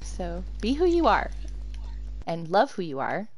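A woman streams a game and chats casually with her viewers, laughing often as she answers them. Her voice is fairly low and unhurried, but its pitch swoops wildly.

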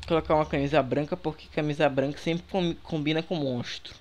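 A young man with a Brazilian accent giving relaxed, slangy commentary while playing a game, chatting with viewers through a headset mic. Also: a little high, a little fast. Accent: Brazilian Portuguese. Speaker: gaming youtuber. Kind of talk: casual gameplay commentary. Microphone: headset microphone.

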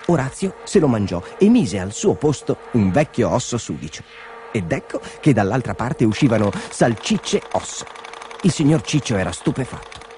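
Lively male storyteller. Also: mid-range voice, slight background noise. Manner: lively, expressive reading. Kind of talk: scripted children's story narration.

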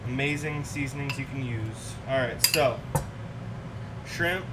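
A man's voice: mid-range voice, a little slow. A young man hosting a home cooking livestream, chatting casually with viewers as he preps food in his kitchen. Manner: laid-back, chatty, talks to viewers in chat while cooking. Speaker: cooking show host. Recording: distant mic with clear room noise.

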